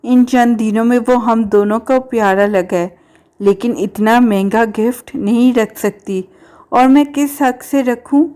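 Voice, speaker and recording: Principled young bride in a storybook novel, woman reading her, firm earnest tone, kinda high voice. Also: mellow, natural voice.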